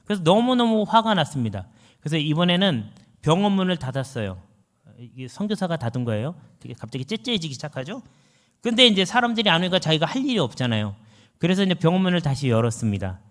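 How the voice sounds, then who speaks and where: A man preaching a sermon as pastor, telling a story in a lively way, with sudden rises and drops in his pitch and volume. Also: quick pace.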